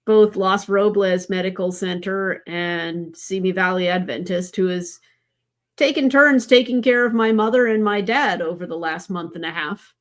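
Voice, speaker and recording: A woman guest on a podcast, talking in a warm, chatty way. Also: mid-range voice. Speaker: guest, comics creative consultant. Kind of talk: casual podcast chat.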